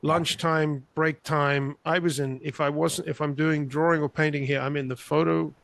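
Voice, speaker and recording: An older man from England who grew up in Spain, telling animated, rambling stories as an interview guest over a video call. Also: fairly high pitch, moderate pace, vocal fry, dry recording. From England, raised in Spain. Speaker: guest artist. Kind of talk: conversational interview storytelling. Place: home room, indoors. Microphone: large podcast mic on a video call, headphones.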